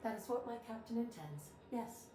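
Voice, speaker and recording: A woman playing a witty, loyal ship's artificial intelligence in a video game, speaking in a formal, precise, deadpan way. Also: fairly high pitch, normal speed, echoey room, music in the background, natural voice, rough recording. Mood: calm, matter-of-fact. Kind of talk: scripted video game acting.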